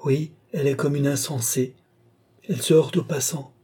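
A man playing a young woman in a trance, seeing far-off things and reporting them in short, halting phrases. The reading voice is mellow and a bit husky. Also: medium pitch, fairly even intonation. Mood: entranced. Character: entranced young woman seer, wide-eyed and fearful. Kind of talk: audiobook reading.

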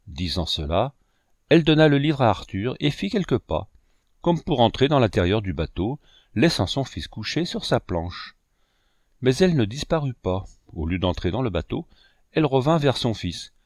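A man narrating a classic novel as an audiobook, measured and expressive, on a close mic. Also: mid-range voice, no echo. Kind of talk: scripted narration.

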